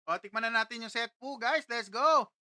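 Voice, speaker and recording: A woman's voice: fairly high pitch, normal speed, pushed and bright, dry recording. A woman hosting a casual live stream from a studio, greeting viewers one after another and tasting food on camera.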